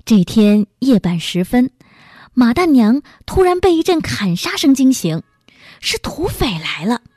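Slow, expressive woman storyteller. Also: on the high side, no echo, clean studio sound. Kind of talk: dramatic story narration.

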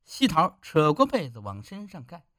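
A man's voice: fairly high pitch, wildly swooping pitch, normal speed, fairly bright tone, no echo, studio quality. A man narrating a village story in an emphatic storytelling manner. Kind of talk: audiobook narration.

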